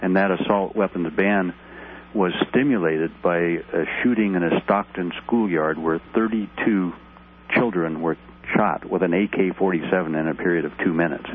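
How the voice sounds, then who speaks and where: A man's voice: low-pitched, fairly even intonation, normal speed. A middle-aged man, an ER doctor and candidate, calling in to a talk radio show over the phone, earnestly laying out figures. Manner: earnest, steadily citing figures. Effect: heard over the phone. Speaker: caller, congressional candidate and ER doctor. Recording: tinny phone line with faint noise.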